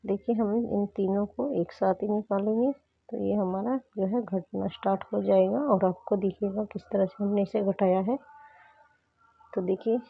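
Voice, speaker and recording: A woman's voice: medium pitch, steady tone, measured pace, creaky, breathy edge, no echo. A woman with a sore throat patiently teaching crochet step by step, often pointing out what to look at as she works. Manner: patient, repeats "dekhiye" while demonstrating. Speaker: crochet tutorial host. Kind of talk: step-by-step craft instruction. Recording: tinny phone-like sound.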